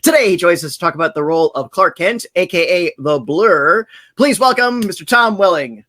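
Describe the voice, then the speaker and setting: A woman's voice: on the low side, expressive, moderate pace, a bit bright. A woman hosting a virtual convention panel over a video call, reading upbeat introductions and laughing often. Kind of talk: upbeat scripted introductions and moderating.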